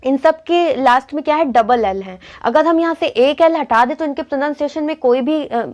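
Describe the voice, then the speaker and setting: A woman's voice: high-pitched, normal speed, darkish tone. A young woman teaching spelling rules in a lesson, often asking a question and then answering it herself. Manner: asks and answers her own questions. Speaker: English teacher. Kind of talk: classroom-style spelling lesson.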